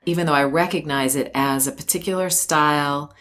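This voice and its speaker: Low-voiced woman interviewer. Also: brisk, fairly bright tone. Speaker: podcast host. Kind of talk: interview chat.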